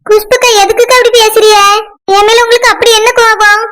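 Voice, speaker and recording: A meek young cartoon village woman with a Kanyakumari Tamil accent, pleading her innocence in quick, anxious bursts, as a woman plays her. Her voice is extremely high. Noise sits clearly behind it. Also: flat delivery. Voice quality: pleading, defensive. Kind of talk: cartoon voice acting. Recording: noisy background.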